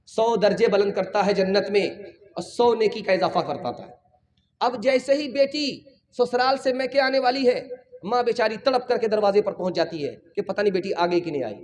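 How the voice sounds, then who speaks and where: A male mufti giving a sermon, telling anecdotes with humor and speaking directly to his listeners. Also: high-pitched. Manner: storytelling, addresses the audience directly, with humor. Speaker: mufti preacher.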